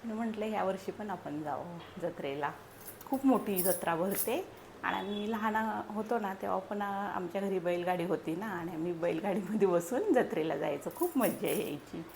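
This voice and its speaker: A young woman from Maharashtra chatting casually at home in a family vlog, a mother who coaxes her baby in high sing-song bursts. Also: normal speed, creaky, a little mellow, slight background noise. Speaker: vlogger and mother. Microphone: small clip mic.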